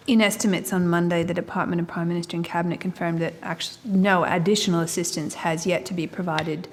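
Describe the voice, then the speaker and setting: A woman with a lowish voice presses officials with measured, persistent questions at a committee hearing. Her voice carries a long reverb from a large hearing room, with faint ambient noise behind it.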